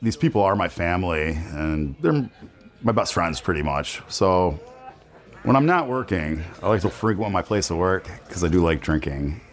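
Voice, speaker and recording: A man's voice: low voice, lively intonation, moderate pace. A man in his forties, a bartender, talking candidly in a documentary interview. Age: 40s.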